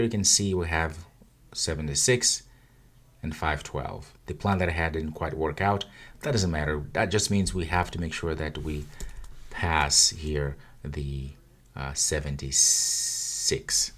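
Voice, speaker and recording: A man giving a casual screen-recorded coding tutorial, talking through each step as he clicks around his project. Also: extremely low pitch. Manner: casual, talks while clicking through files. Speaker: coding instructor.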